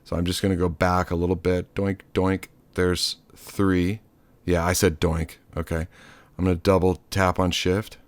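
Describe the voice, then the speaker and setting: A man's voice: deep voice, little pitch movement, moderate pace, no echo. A man giving a loose, chatty hands-on synth tutorial, cracking offhand jokes and the odd swear word. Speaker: synth module demonstrator.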